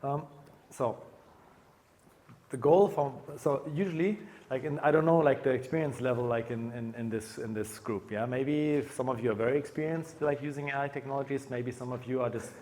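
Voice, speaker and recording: A man's voice: medium pitch, normal speed, darkish tone. Man giving a casual conference talk. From Germany. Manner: casual, many fillers and restarts. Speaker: conference speaker. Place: conference room.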